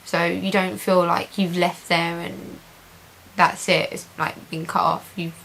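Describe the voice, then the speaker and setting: A woman whose voice sits on the low side, with vocal fry, a fairly bright tone and a level delivery, talks unhurriedly in a casual video diary update. She's chatty, positive and reassured, repeating intensifiers, captured in a rough, hissy home recording.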